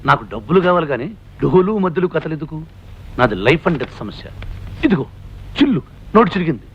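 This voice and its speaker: A cheeky, quick-tongued husband in an old comedy film, trading insults with a sly, mocking edge. The voice sits high and swoops all over its range. The recording is muffled and lo-fi, with a faint hiss underneath. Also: male voice, very animated, slightly rough, exaggerated voice. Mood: wheedling. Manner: cheeky, trades insults in rapid comic banter. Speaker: comic film hero.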